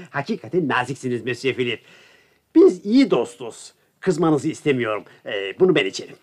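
A blustering freeloading gambler. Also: male voice, medium pitch, sing-song, moderate pace. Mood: wheedling. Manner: blustering, shouting for service. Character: greedy, rude male parasite guest, a gambler. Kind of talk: radio play acting.

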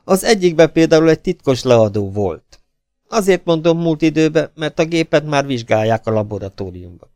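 A man's voice: a little high, big pitch swings, a little mellow, no room sound, studio quality, voice pushed up. A man reading an audiobook voices a sinister middle-aged baron, speaking politely but curtly and firmly, sometimes ceremoniously. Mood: cold courteous.

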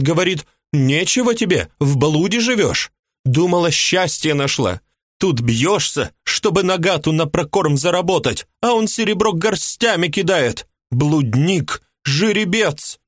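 A man voicing an angry, jealous young widow who shrieks and scolds, raising his voice high for her in an audiobook. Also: no room sound, studio quality. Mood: tearful. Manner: shrieking, scolding, tearful reproach. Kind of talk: audiobook character voice.

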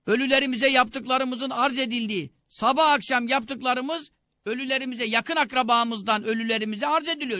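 Male preacher, high bright voice, dry close mic, emphatic sermon delivery. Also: dry recording. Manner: preaching with rising emphatic exhortations. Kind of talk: religious sermon on radio.

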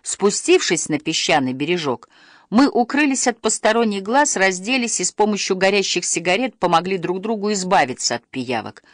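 An expressive audiobook narrator reading a first-person adventure story. The pitch moves in lively swings through the sentences. The recording is dry and close, with no room sound. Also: normal speed, no room sound.

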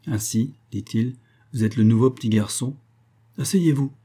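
A man reading aloud and voicing a weary, courteous imprisoned gentleman who questions gently. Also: medium pitch, normal speed, slightly rough, lightly acted. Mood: kindly, curious.

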